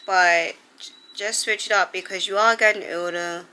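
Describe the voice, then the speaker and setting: A woman's voice: mid-range voice, fairly even intonation, moderate pace, sharp tone, smooth, low-quality recording. A young woman vlogger sitting down to give heartfelt advice, earnest and emotional, close to tears. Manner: earnest, heartfelt, full of "like" fillers. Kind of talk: sit-down advice vlog.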